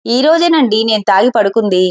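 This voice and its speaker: A young tea-stall husband, hurt and aggrieved, earnestly pleading his case to older strangers, as a woman storyteller reads him. The voice is slightly high and respectful. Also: expressive, a little fast, natural voice.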